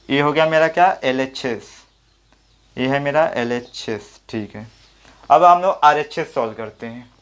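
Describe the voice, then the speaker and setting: A man's voice: a little high, clear, resonant tone. A man teaching a maths lesson at the board, thinking aloud and answering his own questions step by step. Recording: dull lo-fi audio.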